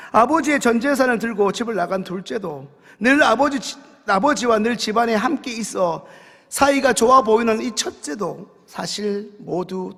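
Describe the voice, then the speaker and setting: A man's voice: sits high, vocal fry, a bit bright. A male pastor preaching a sermon in a church, earnestly questioning his congregation. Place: church sanctuary. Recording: reverberant church sanctuary.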